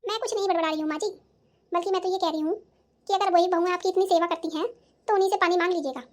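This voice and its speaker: A woman voicing a sharp-tongued young daughter-in-law in a cartoon, answering back defensively. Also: very high voice, steady tone, rapid-fire. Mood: defiant. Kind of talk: cartoon voice acting.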